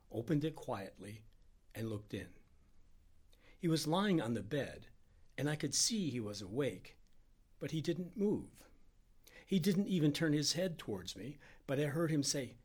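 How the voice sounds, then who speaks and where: A man reading a story aloud with a dramatic, expressive delivery. His voice is husky and a little rough, and it rises and falls in pitch a lot. He lets the tension build as the tale goes on. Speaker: reader. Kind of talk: scripted narration.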